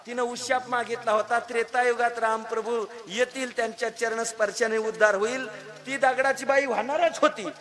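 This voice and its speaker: High bright-voiced comic kirtan preacher. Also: male voice, fairly even intonation, moderate pace. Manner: storytelling, emphatic, addresses audience directly. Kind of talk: comic devotional sermon. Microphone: handheld microphone.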